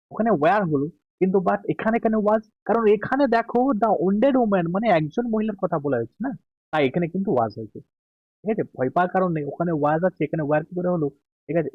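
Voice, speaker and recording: A man with a Bengali accent, an exam tutor going through answer keys slowly, stretching out English words and checking in often. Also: high-pitched, no room sound, highs cut off.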